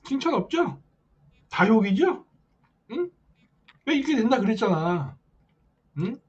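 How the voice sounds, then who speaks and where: A man on a late-night political stream talks in a high, husky voice that swings widely up and down. He keeps pressing his viewers with rhetorical questions and a nagging "eh?" after each point. The audio is dull and lo-fi. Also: very animated, unhurried. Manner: hectoring rhetorical questions with repeated "eh?" tags; reads viewer comments aloud. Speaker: live-stream host.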